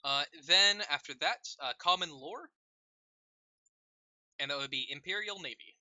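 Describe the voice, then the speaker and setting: A man's voice: on the high side, unhurried, sharp tone, no echo, lo-fi sound. A man running a tabletop role-playing game, patiently explaining rules over a voice call with many fillers. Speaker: game master.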